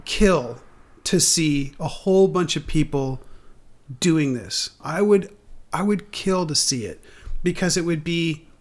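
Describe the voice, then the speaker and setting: A man in his forties speaking in a somewhat high register for a man. He rambles and restarts his sentences often, swearing casually as he talks things through on a podcast. The tone is open and unguarded. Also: animated, takes it slowly. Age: 40s. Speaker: guest.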